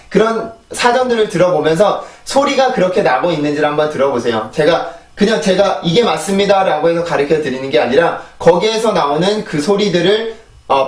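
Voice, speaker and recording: A man's voice: fairly high pitch, far from the mic. A man teaching English pronunciation, explaining step by step and drilling words aloud in repeated sets. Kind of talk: online pronunciation lesson. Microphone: shotgun mic on a phone. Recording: roomy echo, voice set back from the mic.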